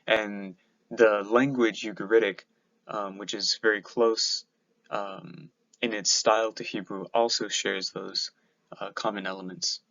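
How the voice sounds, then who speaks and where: A man's voice: fairly low pitch, level tone, measured pace, creaky, fairly bright tone. A young man giving a lesson on biblical poetry, reading out points and then explaining them with frequent ums and restarts. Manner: hesitant, many ums and restarts when explaining. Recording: slightly dull, lo-fi sound.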